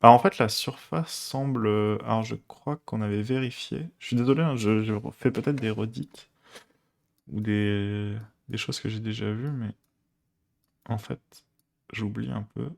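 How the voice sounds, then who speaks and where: A man's voice: lowish voice, fairly even intonation, measured pace, gravelly. A man, streaming a coding session and chatting casually, thinking aloud with many fillers and restarts. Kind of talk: casual live coding chat.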